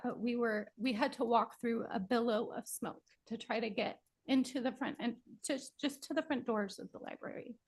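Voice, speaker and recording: A woman in her thirties, a working mother, giving a nervous, emotional public comment at a county board meeting, halting with many ums. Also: fairly high pitch, rough recording.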